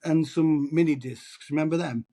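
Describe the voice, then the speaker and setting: This husky-voiced man is middle-aged and English, a tribute singer giving a casual interview chat. He pitches fairly high and sounds mellow at a normal pace, rambling self-deprecatingly and restarting his sentences.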